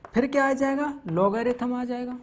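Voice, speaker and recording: A man's voice: extremely high pitch, normal speed. A man teaching maths in a classroom lecture, walking through topics step by step and often checking in with his students. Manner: frequent "theek hai na" check-ins, mixes English terms; explains step by step, listing topics.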